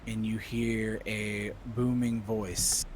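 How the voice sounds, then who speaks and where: A man acting as game master, improvising narration for a tabletop game and often pausing mid-phrase. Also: fairly low pitch, little pitch movement, a little hiss or hum.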